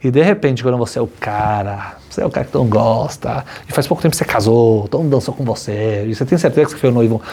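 A man, a religious teacher, telling a story in an animated class, his voice climbing high when excited. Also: rapid-fire, hardly any pauses, husky.

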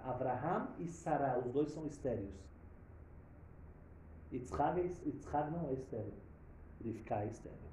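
A man's voice: a little high, warm tone, slight background noise. A man giving a storytelling sermon, acting out dialogue and rising to emphatic peaks. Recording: roomy echo.

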